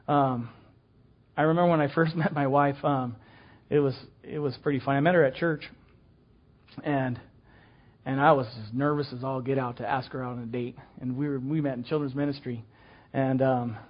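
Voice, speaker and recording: A man's voice: on the high side, muffled recording. An older man teaching a children's ministry class in a casual, folksy way, full of fillers and restarts.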